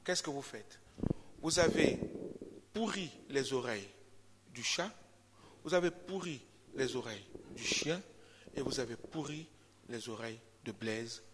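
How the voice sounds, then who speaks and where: A man's voice: medium pitch, unhurried, long pauses, noisy background. A male pastor preaching a sermon, repeating his points emphatically and using caricatured animal stories. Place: church. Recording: reverberant church hall.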